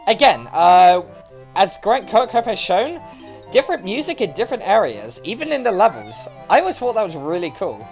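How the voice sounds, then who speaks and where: A man's voice: sits high, big pitch swings, moderate pace, a little mellow. A man giving casual, joking commentary as he plays through a video game for his channel. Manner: chatty and playful, jokes as he plays. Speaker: let's play host. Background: faint video game music.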